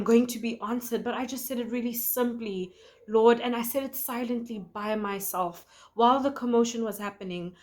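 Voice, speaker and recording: Earnest woman sharing a prophetic dream. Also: fairly high pitch. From South Africa. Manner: earnest, conversational, with frequent fillers and restarts.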